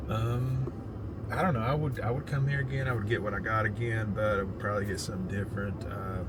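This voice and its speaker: A man's voice: fairly low pitch, steady tone, quick pace, very noisy. Rambling man reviewing food. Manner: rambling, hesitant, lots of ums. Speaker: vlog co-host. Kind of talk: casual restaurant review chat.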